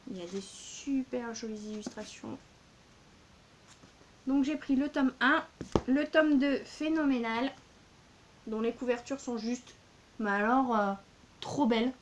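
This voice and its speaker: Woman book vlogger, casual and gushing, many fillers, a bit high-pitched, light hiss on the track. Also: a little slow, pauses often, dull audio. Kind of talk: casual book haul vlog.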